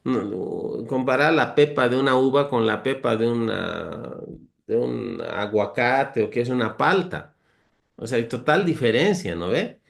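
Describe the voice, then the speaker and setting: Speaking unhurriedly with lively intonation and some vocal fry, a man of ordinary pitch reads Bible verses aloud and earnestly unpacks them in a conversational teaching. He names virtues one after another, uses funny everyday comparisons, and addresses his audience as brothers.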